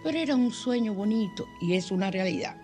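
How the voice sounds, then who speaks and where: A woman's voice: mid-range voice, expressive, a little fast, a little mellow. Older woman, affectionate radio host, gushing and chatty, light music bed. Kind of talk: spiritual radio call-in show.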